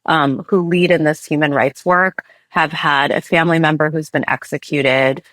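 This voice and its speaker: A woman raised in the United States, a human rights litigator answering interview questions in an earnest, measured way. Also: low-pitched, fairly even intonation, a bit bright, no room sound. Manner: earnest, measured, thoughtful with restarts.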